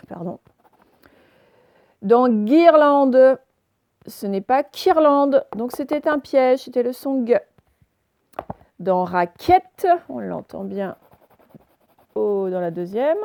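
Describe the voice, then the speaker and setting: Woman teacher sounding out words slowly. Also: fairly high pitch, vocal fry, dark tone, no echo. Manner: slow, careful, stretched-out word pronunciation; pauses the recording to let pupils work. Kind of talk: remote reading lesson for young children. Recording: self-recorded home lesson.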